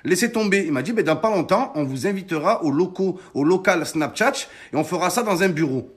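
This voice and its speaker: A man, telling his followers an animated story of being hacked and threatened, emphatic and swearing often. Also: high-pitched, brisk. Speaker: social media personality.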